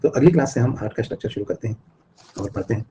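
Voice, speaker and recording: A man's voice: mid-range voice, animated, rapid-fire, dark tone, slight background noise. A man teaching a live online biology class, repeating and drilling his points and asking students questions. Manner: repetitive, drilling explanations, asks students questions.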